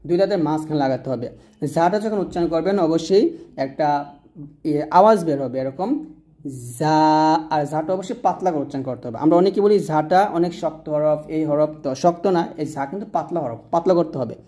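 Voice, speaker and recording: A woman with a Bangladeshi Bengali accent teaching Arabic letter pronunciation, patiently repeating each sound slowly. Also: deep voice, mellow. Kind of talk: explaining letter by letter.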